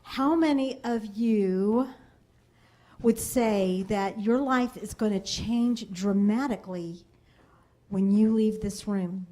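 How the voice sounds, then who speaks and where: A woman's voice: mid-range voice, slow, mellow. A woman sales trainer speaking to a seminar audience in a room, telling stories and acting out family voices. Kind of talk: seminar talk to a live audience.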